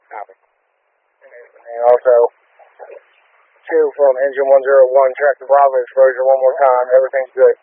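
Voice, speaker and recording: Matter-of-fact firefighter on tinny emergency radio. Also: male voice, mid-range voice, flat delivery, normal speed, pauses often. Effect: two-way radio. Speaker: firefighter reporting from the scene. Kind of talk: ambulance and fire radio reports. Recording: thin, tinny two-way radio transmission.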